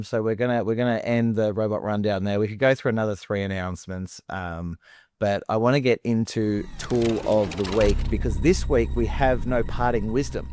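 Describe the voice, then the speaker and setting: Man, Australian accent, podcast co-host, laid-back, lowish pitch, dry sound. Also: darkish tone, dry recording. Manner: laid-back, laughs often, swears casually. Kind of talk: casual chat.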